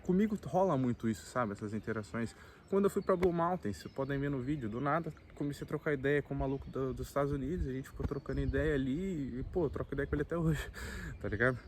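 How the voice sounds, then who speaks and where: A man in his late twenties with a Brazilian Portuguese accent, talking to the camera in a relaxed, slangy, reflective way. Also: medium pitch, fast talker, a little hiss or hum. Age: late 20s. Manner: laid-back slangy talk, frequent filler tags. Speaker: vlogger. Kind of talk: casual reflective monologue. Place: outdoors at a campsite.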